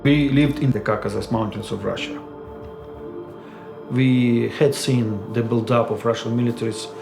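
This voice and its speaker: A man, a missionary telling his story in an interview in a measured, reflective way. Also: medium pitch, steady tone, vocal fry. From Ukraine. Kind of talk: personal testimony interview. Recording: roomy echo with music underneath.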